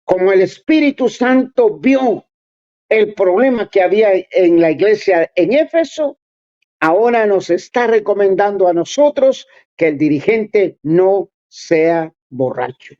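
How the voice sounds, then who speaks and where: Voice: medium pitch, animated, measured pace, a little mellow. A preacher giving a sermon, exhorting and speaking straight to the listeners in an earnest way. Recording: dull lo-fi recording.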